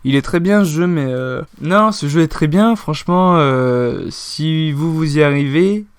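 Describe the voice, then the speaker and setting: A man's voice: fairly high pitch, measured pace, clear, resonant tone, dry recording, clean studio sound. A man giving let's-play commentary as a YouTuber on a platform game, muttering repeated phrases under his breath and bursting into swearing and yelps when he fails.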